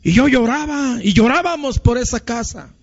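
High-voiced impassioned male preacher. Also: normal speed. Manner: impassioned, repeats "hermanos". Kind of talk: sermon. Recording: muffled lo-fi recording.

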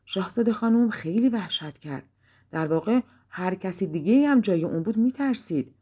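A woman narrating a fairy-tale audiobook in a calm storytelling manner. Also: medium pitch, breathy edge.

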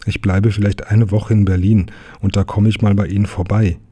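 A man voicing an earnest, polite young boy, in a low, husky voice. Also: flat delivery, fairly quick, mellow.

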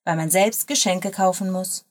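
A woman reading the lines of a cynical female lawyer, exclaiming in a raised, louder voice. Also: normal speed, lightly acted. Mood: exasperated. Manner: exclaiming, higher and louder than the narration.

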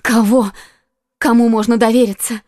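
A man voicing a frightened, desperate young queen in a trembling, pleading falsetto for a storybook audiobook. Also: little pitch movement, moderate pace, darkish tone, dry recording, studio quality. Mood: anxious. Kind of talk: audiobook character voice.

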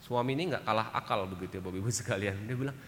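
A man preaching a sermon to a congregation, telling a story with lively shifts and acting out the voices of the people in it. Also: lowish voice, racing, slight background noise. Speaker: pastor. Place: church sanctuary. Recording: church hall reverb with faint ambience.

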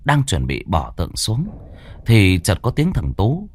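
A man's voice: huge pitch swings, unhurried, a little mellow, slight background noise. Theatrical male horror storyteller. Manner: theatrical, swinging pitch widely for effect. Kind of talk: dramatic horror story narration.

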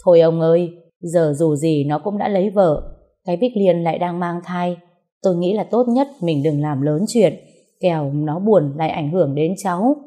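A woman's voice: lowish voice, moderate pace, mellow, close to an everyday voice. A woman reading the lines of a worried, tearful older mother in a storybook tale. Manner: pleading, tearful. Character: worried old village mother.

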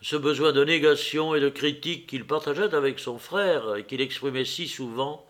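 A man narrating a classic novel as an audiobook reader, in a measured, even reading. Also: on the high side.

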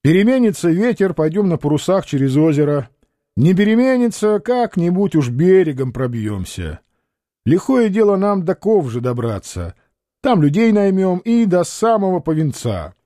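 A man reading an audiobook, voicing a shrewd merchant who speaks in a measured, quiet and firm way. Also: high voice, very animated, dry recording, studio quality. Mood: calm. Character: calm, shrewd male merchant.

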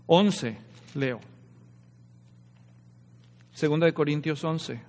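A male pastor preaching a sermon, lively and full of rhetorical questions to the congregation. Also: fairly high pitch, extremely slow, long reverb tail.

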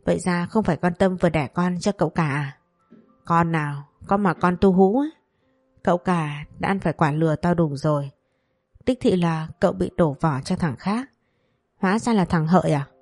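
A woman voicing a gossiping housemaid in an audio story, trading rumors quickly. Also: fairly low pitch, a little mellow, no room sound, clean studio sound, faint music behind. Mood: gossipy.

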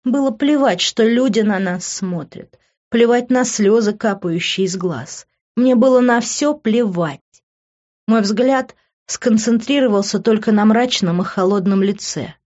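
A woman's voice: mid-range voice, unhurried, darkish tone. Brief: female first-person novel reader, mid voice, muffled recording. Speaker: audiobook reader.

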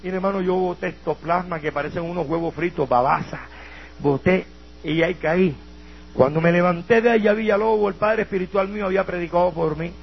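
A Colombian man preaching his testimony with a Colombian accent, acting out voices and breaking into shouted prayers. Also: high-pitched, fairly quick, creaky. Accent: Colombian Spanish. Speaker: evangelical preacher. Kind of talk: testimony sermon. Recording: dull lo-fi sermon recording with faint hum.

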